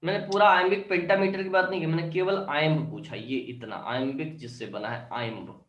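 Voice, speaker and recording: A man teaching an online English literature class, explaining step by step and often checking "clear?", with Indian-accented English. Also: fairly high pitch, a little fast, fairly bright tone, reverberant, dull audio.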